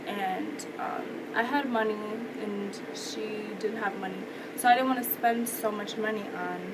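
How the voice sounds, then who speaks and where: A young adult American woman telling a story in a casual, slangy, sweary vlog style, recorded indoors on a camera mic. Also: mid-range voice. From United States. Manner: informal, slangy, frequent swearing. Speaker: vlogger. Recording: loud fan noise in background. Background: whirring electric fan.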